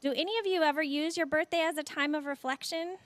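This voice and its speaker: A woman's voice: sits high, fast, fairly bright tone, no room sound. A woman in her forties giving a sermon in a church, telling personal stories in an emotional way and laughing often. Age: 40s. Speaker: guest speaker. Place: church sanctuary.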